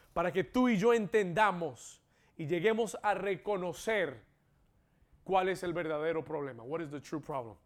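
A man, a pastor, preaching a sermon to a congregation and repeating his points in English, building up to fervent exclamations. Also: fairly high pitch. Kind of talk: bilingual sermon with English echoes. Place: church service.

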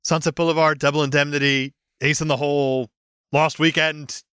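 A man's voice: fairly high pitch, little pitch movement, normal speed, fairly bright tone, smooth, no room sound, clean studio sound. A man co-hosting a movie podcast with casual, jokey banter, full of sweary, over-the-top fan enthusiasm. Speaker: podcast co-host.

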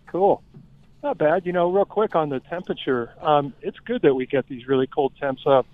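A man's voice: on the high side, normal speed, no echo. A man calling a radio show on his phone while driving, with the reception breaking up, chatting in an easygoing way. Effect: phone call from a moving car, reception breaking up. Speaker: caller. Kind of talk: casual call-in chat. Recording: tinny phone line, dry.

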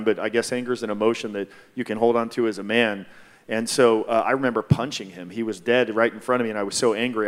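A man from Hawaii sharing a personal testimony on a church panel, speaking in a measured, reflective way with frequent pauses. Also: on the low side.

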